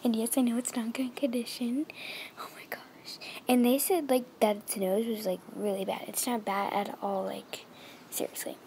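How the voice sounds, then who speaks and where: A female vlogger unboxing a toy, gushing and excitable, often dropping to a whisper. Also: a little high, normal speed, creaky, hardly any pauses, slight background noise. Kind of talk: unboxing vlog.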